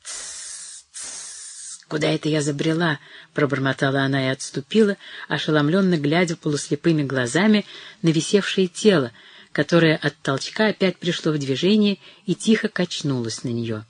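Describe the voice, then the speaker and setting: An audiobook narrator giving steady, measured scripted reading of a novel. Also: medium pitch, no room sound.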